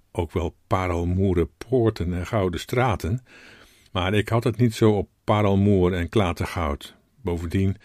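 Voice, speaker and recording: A male pastor delivering a sermon, telling a personal story in a reflective, gently rhetorical way. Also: fairly low pitch, dry recording, studio quality.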